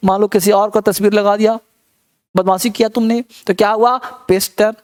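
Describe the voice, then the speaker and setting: An energetic man runs a vocabulary lesson, calling out each word again and again and pushing students to repeat. His voice sits notably high for a man. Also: moderate pace, clean tone. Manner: energetic, repeats words and urges viewers to repeat. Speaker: English teacher.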